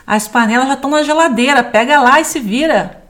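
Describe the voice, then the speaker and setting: A woman plays a Brazilian wife in a short skit. She brushes her husband off quickly, or greets him tenderly. Her voice sits a bit above her usual pitch. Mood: snappy. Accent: Brazilian Portuguese. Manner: snappy and dismissive, then warm and welcoming. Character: curt wife, then a loving one.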